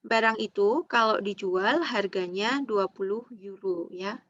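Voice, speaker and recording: A woman's voice: medium pitch, a little slow, fairly bright tone, no room sound. A woman lecturer giving an online accounting class, patient, walking through each step and checking if students understand. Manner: patient, explains step by step, tags lines with "ya" and "gitu". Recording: dull lo-fi online call audio.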